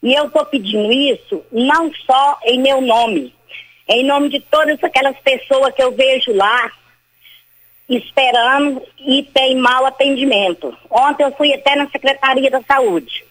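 Caller voice: older woman on a phone line, high-pitched, rambling and insistent. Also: unhurried, fairly bright tone. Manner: rambling and insistent, repeats herself. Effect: heard over a phone line. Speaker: caller to a radio show. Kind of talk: call-in complaint.

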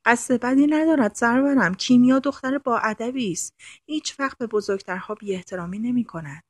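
A flustered father hurries to excuse his daughter, as a woman narrator puts him on. He speaks in a raised, apologetic rush. The voice is a touch husky and dry. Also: a little high, no echo, voice pushed up, natural voice. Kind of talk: audiobook narration.

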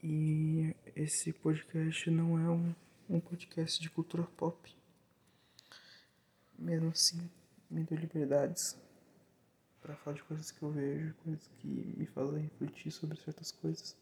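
A young Brazilian man whose hoarse voice is giving out, rambling casually and informally as a solo podcast host. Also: on the high side, monotone, unhurried. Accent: Brazilian Portuguese. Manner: informal, slangy, digressive.

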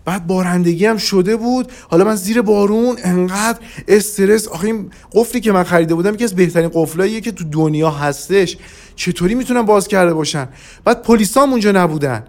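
A man casually telling a first-person travel story for a podcast, rambling with many hesitations and restarts. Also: high-pitched.

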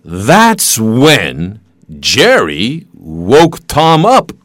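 A man giving short English answers to a teacher, speaking slowly and drawing words out. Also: mid-range voice, huge pitch swings, fairly bright tone, no room sound. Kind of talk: lesson banter.

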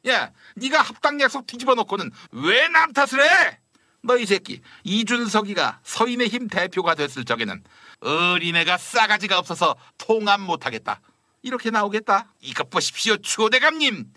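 A man's voice: high-pitched, expressive, normal speed, bright, forceful tone, no echo, studio quality. A man voicing a blunt, crude elderly male minister in a satirical period-drama parody, scolding and mocking as he talks. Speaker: satirical sketch performer. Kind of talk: satirical Joseon-era costume parody.

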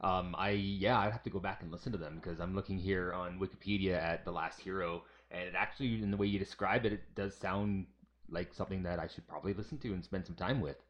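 A man's voice: low voice, steady tone, quick pace, dull audio. A man hosting a podcast in casual chat, laid-back and agreeable. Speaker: podcast host.

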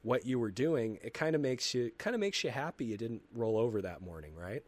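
A man hosting a casual interview, laid-back and chuckling, with a slightly rough morning-after voice and halting restarts. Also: medium pitch, expressive, a little mellow, no room sound. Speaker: interview host.

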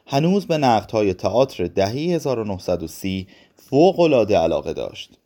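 A man narrating a literary audiobook in a calm, measured reading voice. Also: medium pitch.

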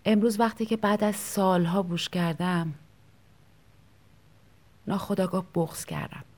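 A woman reading a short personal story aloud in a soft, tender, reflective way, sometimes sinking into a whisper. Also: medium pitch, steady tone. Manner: soft, intimate, drops into whispers. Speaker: story reader. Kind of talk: scripted storytelling narration.

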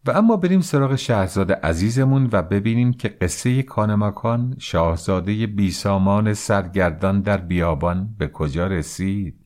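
A man's voice: fairly low pitch, animated, hardly any pauses, darkish tone. A man narrating a classic tale in a conversational retelling, with personal asides. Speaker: storyteller. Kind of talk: podcast storytelling in modern retelling.

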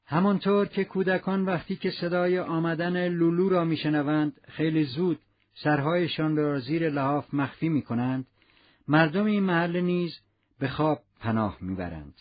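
A man reading a novel aloud as narrator, in a measured storytelling manner. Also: on the high side. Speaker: audiobook narrator. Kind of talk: scripted narration. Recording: muffled lo-fi recording.

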